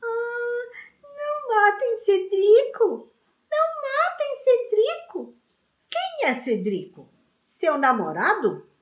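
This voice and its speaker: A woman's voice: huge pitch swings, slow, reverberant, heavily acted. Woman doing a taunting teenage bully boy. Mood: mocking falsetto. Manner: mocking, wailing falsetto when mimicking.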